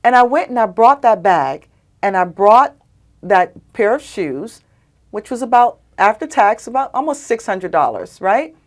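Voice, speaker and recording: A woman, a guest on a podcast, telling personal stories in an animated, emphatic, conversational way. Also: medium pitch, a little slow. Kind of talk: conversational storytelling.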